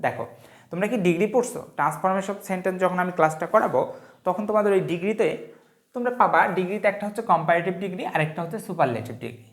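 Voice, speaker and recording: A woman's voice: fairly low pitch, lively intonation, fast talker. A woman teaching an exam-prep grammar lesson. She explains it step by step and keeps asking the class questions. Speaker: English teacher. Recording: echoey room.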